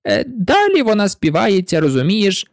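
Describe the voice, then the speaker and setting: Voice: mid-range voice, normal speed, no echo, pitched above the performer's own voice. An eccentric, mournful hatter from a storybook, played by a reader who raises the voice noticeably. His speech swings widely up and down and keeps stumbling over hesitations as he rambles on. The reading is close and dry. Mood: rambling. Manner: rambling and excitable, with frequent hesitations.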